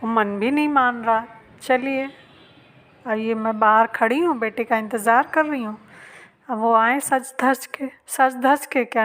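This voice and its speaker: A middle-aged woman with a North Indian Hindi accent, quietly narrating her day at home in a slow, soft voice-over. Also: on the high side. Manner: speaks softly and slowly so as not to disturb. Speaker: family vlogger. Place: room at home, indoors.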